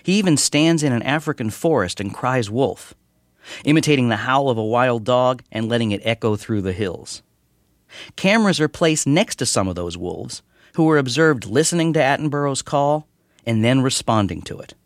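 A man's voice: mid-range voice, lively intonation, moderate pace, no echo. Dry-sounding American man reading a scripted review. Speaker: television critic reviewing a series. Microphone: close studio microphone.

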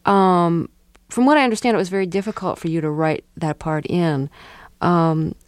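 A woman interviewer asking measured questions, phrasing them carefully and a little hesitantly. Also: on the low side, smooth, dry recording, clean studio sound.

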